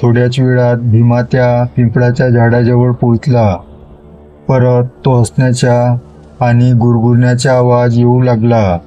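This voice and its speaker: A man narrating a horror story in a slow, steady storytelling manner. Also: medium pitch. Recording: dull lo-fi recording with faint music.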